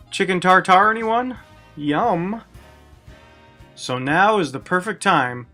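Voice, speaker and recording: A man with a mid-range, slightly bright voice hosts a cooking video. He walks through a recipe step by step and throws in wry, self-deprecating jokes along the way.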